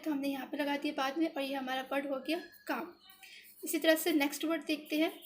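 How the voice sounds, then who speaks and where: A woman teaching shorthand step by step, patient and repetitive, talking aloud as she writes, with English words in an Indian accent. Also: high-pitched. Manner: repetitive, patient, thinking aloud while writing. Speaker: shorthand tutor. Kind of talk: step-by-step tutorial explanation.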